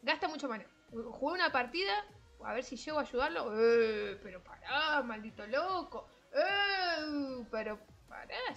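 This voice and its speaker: Excitable young woman narrating her gameplay. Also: on the high side. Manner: excitable, self-mocking, quick to laugh and shriek. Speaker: gaming streamer. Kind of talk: live gameplay commentary.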